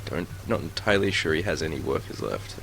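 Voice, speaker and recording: A man's voice: extremely low pitch, expressive, fast, vocal fry, fairly bright tone, slight background noise. A man co-commentating a live esports match with dry, wry banter.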